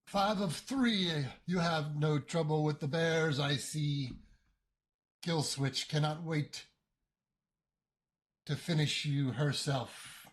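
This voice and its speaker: A man game master voicing a cold, metallic-voiced female construct who taunts the party in a slow, deliberate, loud delivery. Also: a little high, a little hiss or hum. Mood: taunting.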